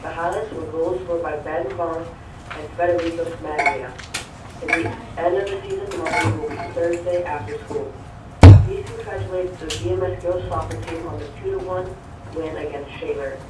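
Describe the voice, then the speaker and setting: A man reading school announcements over the intercom in a steady, scripted way. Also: on the high side, moderate pace. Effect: school intercom loudspeaker. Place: classroom, heard through intercom speaker. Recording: echoey distant noisy classroom loudspeaker.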